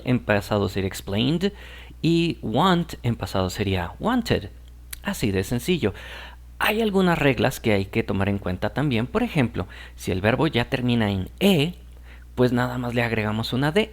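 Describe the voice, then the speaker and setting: Man patiently teaching, checking in often. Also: lowish voice. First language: Spanish. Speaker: English teacher. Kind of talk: explaining grammar lesson.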